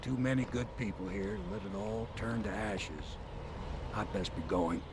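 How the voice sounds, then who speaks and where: A man playing a gruff old fisherman and boatman in a video game, loyal and wistful. His aged voice is low and full of gravel, and he speaks plainly. Lapping water and boat noise run behind him. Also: normal speed, natural voice. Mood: fond farewell. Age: older. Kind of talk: video game character dialogue.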